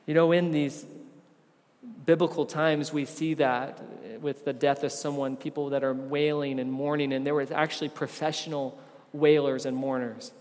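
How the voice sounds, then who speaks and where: A man preaching a sermon as a pastor, rising to loud emphatic stretches and dropping to soft, low asides. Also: flat delivery, normal speed. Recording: long reverb of a large room.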